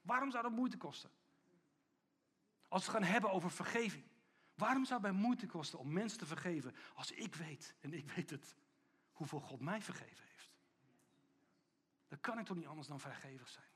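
Pastor, male, high husky voice, builds to loud emphasis then drops to a hush. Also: lively intonation, normal speed, long pauses. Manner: preaching with big swings between loud emphasis and hushed, intimate lines. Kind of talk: sermon.

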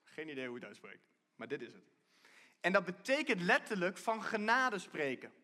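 Guy preaching in church, kinda high bright voice, chatty, keeps restarting his sentences. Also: big pitch swings, normal speed. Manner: conversational, repeats and restarts while explaining. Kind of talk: sermon. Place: church stage.

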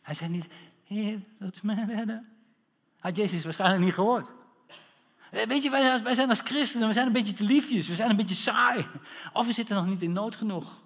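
A man preaching a sermon, animated, full of rhetorical questions and bursts of shouting. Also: high-pitched, brisk. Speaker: pastor. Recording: long hall reverb.

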